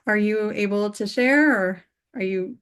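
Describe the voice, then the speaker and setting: A woman's voice: mid-range voice, unhurried, smooth. Woman hosting a video-call workshop. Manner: friendly, inviting. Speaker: host, workshop facilitator. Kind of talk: leading introductions on a video call.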